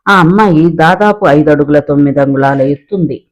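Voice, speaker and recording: A man narrating a story in a lively, descriptive storytelling manner. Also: on the high side, brisk.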